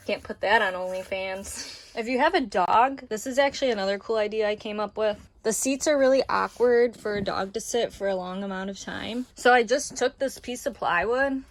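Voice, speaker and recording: A woman's voice: medium pitch, a little hiss or hum, poor audio. A young woman giving a casual, joking tour of her van build, upbeat and chatty as she walks through it. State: out of breath. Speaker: vlogger. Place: inside a parked van.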